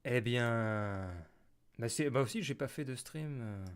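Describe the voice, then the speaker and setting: A man's voice: medium pitch, measured pace, smooth. A man giving casual let's-play commentary, muttering to himself and grumbling in puzzlement as he plays. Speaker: gamer streamer.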